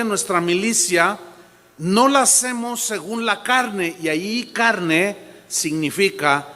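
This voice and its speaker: A man's voice: sits high, bright, forceful tone. A man preaching a sermon as pastor, emphatic and repetitive, with a habit of acting out other people's words. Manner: emphatic preaching, repeats phrases, quotes people in changed voices. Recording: long hall reverb.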